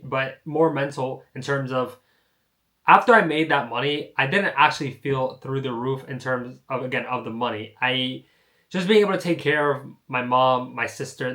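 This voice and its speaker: A man's voice: medium pitch, fairly bright tone. A young man in his late teens telling his personal story in a casual, rambling way, full of "like" fillers and restarts. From United States. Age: young adult. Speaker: online entrepreneur.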